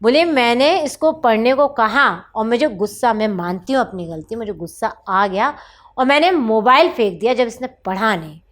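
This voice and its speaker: A woman counsellor recounting a session with a mother and child, acting out the dialogue and dropping to soft asides. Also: fairly high pitch, animated, normal speed.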